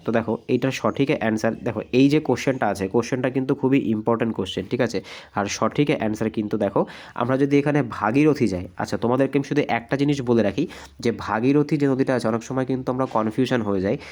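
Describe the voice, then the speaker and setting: A man with a hoarse voice from a cold, teaching an exam practice lesson and explaining answers step by step. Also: mid-range voice, fast talker, darkish tone. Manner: explanatory, repeats "ঠিক আছে?" often.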